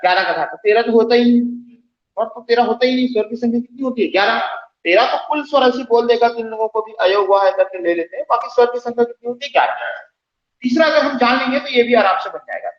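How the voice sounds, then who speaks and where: A man's voice: extremely high pitch, quick pace. A man teaching a Hindi grammar class, repeating key phrases and quizzing his students. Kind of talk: classroom lecture. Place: classroom with lights off. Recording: echoey, dull classroom recording.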